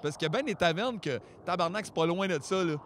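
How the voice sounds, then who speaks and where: A man's voice: high-pitched, lively intonation, fast, background noise. A Québécois man, a podcast co-host, making wry, sarcastic remarks in casual chat. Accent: Québécois French.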